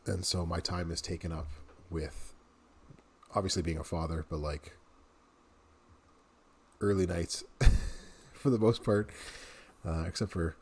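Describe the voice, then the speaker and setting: Deep-voiced man chatting over gameplay. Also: a little slow, long pauses, husky. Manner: chatty, laughs often, talks to viewers. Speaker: game streamer. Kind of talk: casual gameplay commentary.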